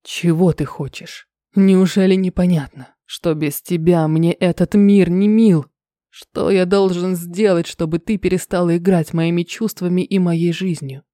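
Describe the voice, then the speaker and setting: A woman voicing a brooding male snow-leopard shapeshifter who speaks low, hushed and intense, in a storybook reading. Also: steady tone, unhurried, dry recording, studio quality, natural voice. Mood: anguished.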